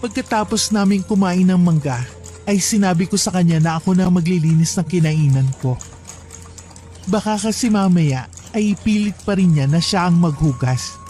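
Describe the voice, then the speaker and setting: A man narrating a first-person horror story in a calm, reflective storytelling manner. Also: high-pitched, moderate pace, soft background music.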